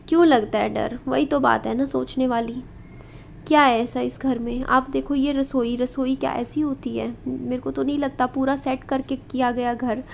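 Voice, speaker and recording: A woman in her thirties with a high voice guides viewers through a house in a home vlog. She talks in a confiding way and keeps asking the audience questions. Faint room noise sits under her voice. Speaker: vlogger. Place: indoors in a house.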